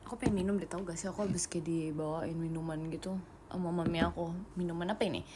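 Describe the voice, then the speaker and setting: A young woman idol hosting a casual live stream, chatting quickly and giggling as she reads viewer comments and drops in English phrases. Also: fairly low pitch, fairly even intonation, background noise. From Indonesia. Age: young adult.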